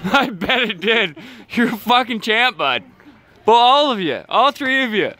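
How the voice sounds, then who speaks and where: A man's voice: very high voice, sing-song, measured pace, sharp tone. A man bantering casually outdoors while filming on a phone. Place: backyard patio, outdoors. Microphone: handheld phone. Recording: outdoor phone video with faint noise.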